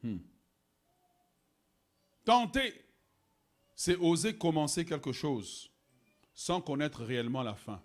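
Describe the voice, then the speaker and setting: A man preaching a sermon to his church, moving between quiet, laughing asides and loud, shouted exhortation. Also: medium pitch. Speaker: pastor. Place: church sanctuary.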